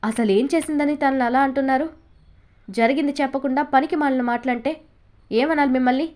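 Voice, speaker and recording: A woman's voice: fairly high pitch, a little fast, mellow, lightly acted. A woman voicing a kind but stern older man at the head of the family, in a storybook reading. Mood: irritated. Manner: pleading, bewildered.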